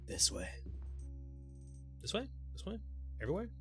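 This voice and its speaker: Over soft background music, a man streams his gameplay live, his high voice swooping wildly in pitch with a sharp edge and a moderate pace. He keeps the running commentary loose and silly, cursing casually and tossing in goofy vocal bits.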